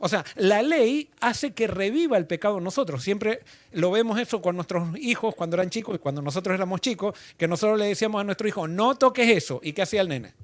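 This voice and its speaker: A man's voice: sits high, expressive, quick pace, hardly any pauses, no room sound. A male pastor leading an interactive Bible study, asking the class questions and repeating their answers.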